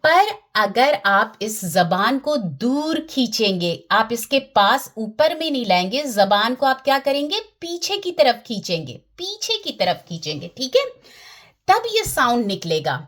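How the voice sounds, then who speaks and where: A woman's voice: on the high side, big pitch swings, measured pace, fairly bright tone. A woman teaching Quran recitation in a patient lesson, often checking that her listeners follow and demonstrating the sounds herself.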